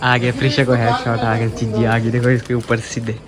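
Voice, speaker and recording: A man's voice: medium pitch, monotone, a little fast, a crowd in the background. A young man chatting casually to his viewers in a home vlog, teasing and talking straight to them. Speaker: family vlogger. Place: family home. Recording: loud crickets chirping behind.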